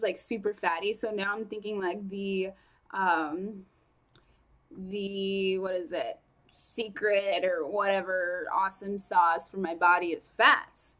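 A young woman vlogging casually about her training, talking fast and chatty with lots of fillers and self-corrections. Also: mid-range voice, a bit bright. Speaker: fitness vlogger. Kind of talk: casual vlog chat.

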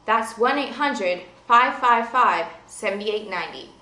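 A young woman playing an insistent infomercial saleswoman, delivering a scripted TV sales pitch. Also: animated, measured pace, pushed and bright, echoey room, rough recording. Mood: urgent selling. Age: young adult. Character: brisk infomercial saleswoman pitching a miracle serum. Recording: faint background noise, amateur video.

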